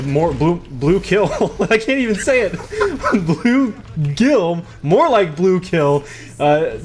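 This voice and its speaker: Guy doing color commentary for an esports match, slightly high voice, laughs at his own flubs. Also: a little hiss or hum. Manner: chatty, laughs while stumbling over names. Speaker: esports co-caster.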